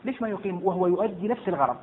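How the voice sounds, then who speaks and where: A fast, somewhat high-voiced man teaches a class, firing questions at students and often repeating words as he hunts for them. The sound is thin and phone-like, with a faint hiss behind it. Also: animated. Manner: quizzes and hushes students. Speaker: sheikh teaching jurisprudence. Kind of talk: interactive classroom lesson. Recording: tinny lo-fi with faint noise.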